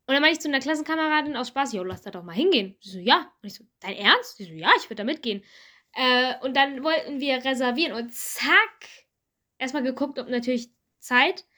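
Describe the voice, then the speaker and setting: High-voiced, enthusiastic young woman. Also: pushed and bright. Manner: enthusiastic, chatty storyteller. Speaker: podcast co-host. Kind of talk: casual chat.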